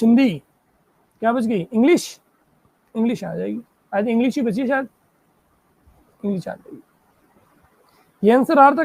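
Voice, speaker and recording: A woman teaching a live online reasoning class. She keeps checking whether students follow and praises them, and she reads English questions out slowly before explaining them in Hindi. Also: fairly high pitch, a little mellow, no room sound. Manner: checks in constantly, praising and asking if it is clear.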